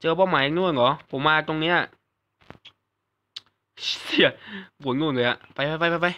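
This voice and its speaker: A young man giving casual, excitable live commentary over a battle royale game, swearing freely and yelping at surprises. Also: fairly high pitch, normal speed, lo-fi sound. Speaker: gaming YouTuber. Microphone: desk mic at home, fan noise behind.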